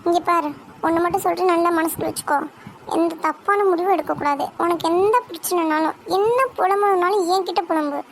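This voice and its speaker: A woman's voice: very high-pitched, brisk, slight background noise, low-quality recording. A woman voicing a caring older sister in a cartoon drama, who coaxes and insists in an affectionate way. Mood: tender, protective.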